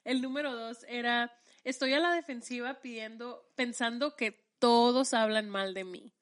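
A young woman talks in a relaxed podcast conversation. Her voice sits fairly high, and she acts out the little quotes she tells, laughing easily between thoughts. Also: normal speed. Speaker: podcast co-host. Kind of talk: casual chat.

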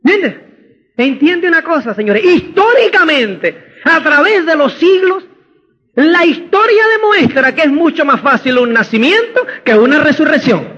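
Man, motivational seminar speaker, emphatic, animated delivery, muffled lo-fi recording. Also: very high voice, a little slow. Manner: emphatic, keeps asking "¿me entiendes?". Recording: dull lo-fi audio.

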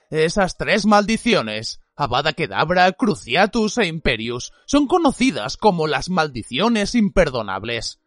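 A grizzled old wizard teacher growls his warnings, as a man acts him out. His lively voice swings hard between a low rumble and sharp emphasis. A dry, close recording with faint music behind the storybook reading. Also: no echo. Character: grizzled gruff old male wizard teacher, stern and watchful. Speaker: voice actor in an audiobook.

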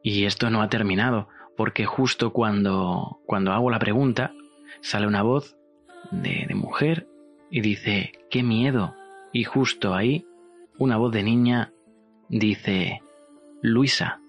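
A man hosting a paranormal show, telling it in an earnest, confessional way and slowing down to stress points. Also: fairly low pitch, faint music behind. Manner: earnest, insistent, slows for emphasis. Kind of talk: confessional radio-style narration.

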